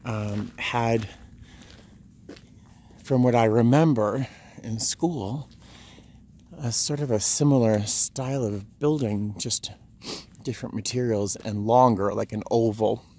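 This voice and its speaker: An American vlogger from Rhode Island talks casually to the viewer while exploring a tourist site, both outdoors and inside small huts, musing aloud with a wry edge. His mid-range voice is slightly mellow, and he speaks slowly with frequent pauses. The handheld camera picks up outdoor ambient noise.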